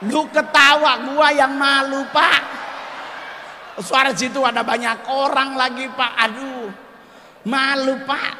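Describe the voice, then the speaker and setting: A man from Indonesia doing a stand-up comedy set, telling his stories with animated, high, loud exclamations. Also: measured pace, background noise. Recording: reverberant hall, faint ambience.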